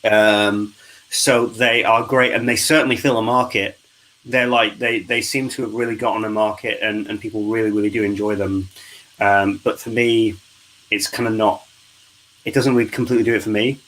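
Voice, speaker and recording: A man's voice: lowish voice, little pitch movement, normal speed, a bit bright, poor audio. A man hosting a charity live stream, chatting and teasing his guests on a video call. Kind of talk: casual group chat.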